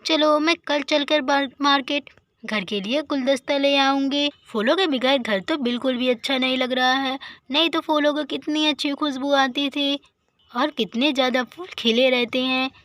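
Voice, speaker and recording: Bright high-voiced woman telling a doll story. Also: normal speed, no echo. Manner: lively homely chatter, talking to herself. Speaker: storyteller voicing all the dolls. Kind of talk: Hindi doll story narration with character voices.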